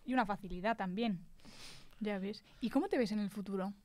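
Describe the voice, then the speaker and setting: A woman's voice: medium pitch, brisk, warm tone, dry recording. A woman from Spain hosting a casual interview, enthusiastic and encouraging. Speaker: host.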